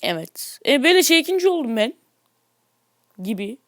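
Male gaming YouTuber, high voice, dry close sound; loose, excitable play-by-play with grumbling asides. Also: normal speed, no echo. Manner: excitable, grumbling at the game, chatty asides to viewers. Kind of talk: casual mobile gameplay commentary.

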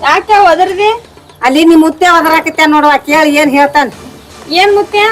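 A woman's voice: sits high, fairly quick, faint music behind, close to an everyday voice. A woman playing a devadasi mother in a village skit, calling and pleading with a North Karnataka Kannada accent.

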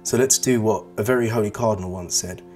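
Speaking fast in a lowish, slightly mellow voice, a thirty-something man from East London, England, whose first language is Arabic, narrates a religious lesson for pupils. The voice-over, with faint guitar music behind it, is earnest and persuasive, with emphatic repetition.

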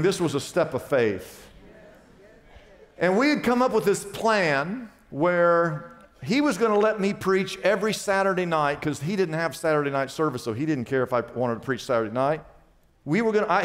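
A pastor telling a story in a sermon, animated and rising to loud excited peaks. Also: male voice, a little high. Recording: long reverb of a large hall.

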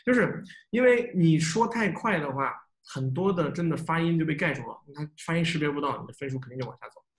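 A man with a fairly high voice runs a speaking class. He corrects pronunciation patiently, saying each word again and again, mixing Mandarin with English. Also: quick pace. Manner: patient, repeats phrases, relaxed reassuring tone. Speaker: English speaking test teacher. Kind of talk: live speaking-class coaching.

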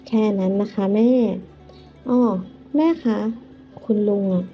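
A woman's voice: medium pitch, slow pace, natural voice. A woman voicing a cheerful, talkative young kindergarten teacher who speaks politely, in a dull lo-fi recording. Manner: bright, chatty and polite. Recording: dull lo-fi with music.

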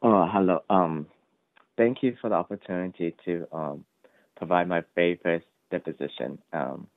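A man's voice: deep voice, moderate pace, creaky, dry recording. Man on a tinny conference call line. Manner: hesitant, many ums and likes, informal. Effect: conference call audio. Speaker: member of the public making a deputation. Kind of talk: public comment at a board meeting. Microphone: remote call-in.

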